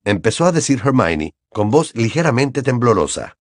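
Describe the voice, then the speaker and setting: A man with a mid-range voice narrates an audiobook from a script at a moderate pace, using an expressive storytelling style. The studio-quality recording has no room sound.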